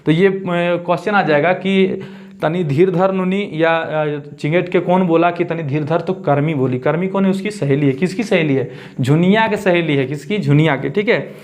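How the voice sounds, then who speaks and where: A man's voice: a little high, moderate pace, darkish tone, faint music behind. A male teacher explains a story, repeating lines and asking and answering his own questions.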